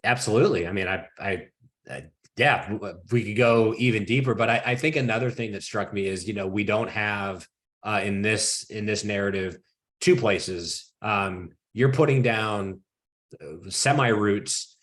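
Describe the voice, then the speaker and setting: A man hosting an interview, reflecting out loud in a halting way with many false starts. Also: fairly low pitch. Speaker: interview host. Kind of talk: conversational interview.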